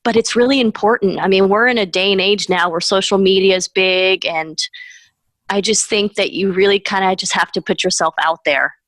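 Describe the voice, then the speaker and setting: An interview guest who works in mortgages, and whose first language was Spanish, chats upbeat and laughs between her points. Her medium-pitched voice is a bit bright, her pace moderate, and the audio has no echo. The format is a conversational interview.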